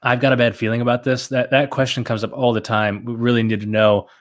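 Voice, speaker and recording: A man in casual livestream chat, trailing into fillers and little self-deprecating jokes. His voice sits at an ordinary middle pitch. It comes through a desk mic on a stream. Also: flat delivery, fast talker. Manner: rambling, self-mocking, full of fillers. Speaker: trivia contestant and co-host.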